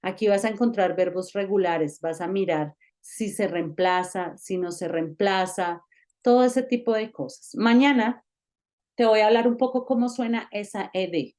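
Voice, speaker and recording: A woman's voice: medium pitch, normal speed, a little mellow. A woman teaching an online English grammar lesson, explaining each rule step by step and checking in with the learner. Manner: patient, explains step by step with many check-ins.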